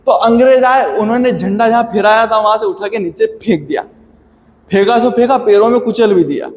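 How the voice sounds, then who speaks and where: A man's voice: very high voice, a little mellow, big-room sound. A man teaching a history lesson in a chatty, friendly way, calling his students "beta". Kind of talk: classroom history lecture.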